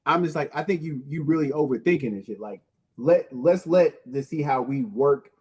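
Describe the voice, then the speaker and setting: A man's voice: a little high, expressive, moderate pace, darkish tone, slightly rough. A man on a discussion panel speaking in a laid-back way, restarting sentences and swearing casually.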